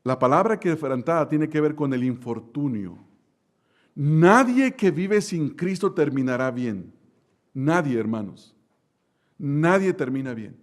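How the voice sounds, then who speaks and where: A male pastor preaching a sermon, slowing down to stress key words, asking the congregation questions and telling a lively story with sudden loud bursts. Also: fairly high pitch. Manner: preaching with slow drawn-out emphasis and direct questions to the congregation.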